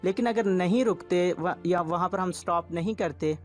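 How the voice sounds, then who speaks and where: A man's voice: high-pitched, moderate pace, faint music behind. A man teaching Quran recitation rules step by step, patient and repetitive in his explaining.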